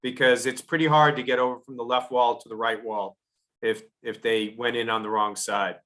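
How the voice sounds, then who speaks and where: A man training ushers in a casual question-and-answer session, talking haltingly with many fillers. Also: medium pitch, fairly even intonation, pushed and bright. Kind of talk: casual Q&A on a video call.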